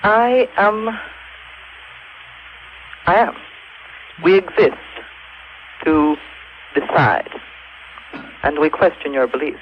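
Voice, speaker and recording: A young man calls into a radio show using an affected accent to play a solemn, cryptic cult grand master, making slow, evasive pronouncements. His voice is high with big pitch swings, heard through a muffled phone line with slight background noise.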